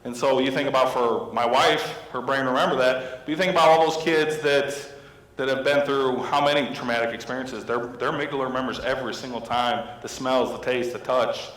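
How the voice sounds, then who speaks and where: Counselor, 30s man, mid-pitched, speaking to an audience in a reverberant hall. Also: fairly even intonation, fairly quick, fairly bright tone. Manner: storytelling, asks the audience questions. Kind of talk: talk to an audience of teachers. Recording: echoey hall with long reverb.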